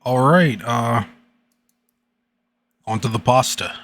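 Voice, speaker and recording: A man streaming late at night, chatting haltingly with many fillers and then reading a creepy internet story aloud. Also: mid-range voice, fairly bright tone. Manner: halting, filler-heavy chat between readings.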